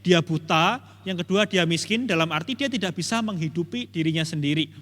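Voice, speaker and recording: A man's voice: fairly high pitch, a little fast, a bit bright, long reverb tail. A man teaching a Bible study, retelling the story emphatically and repetitively and addressing his listeners directly. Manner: repetitive, emphatic retelling with many "begitu ya" tags. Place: church hall.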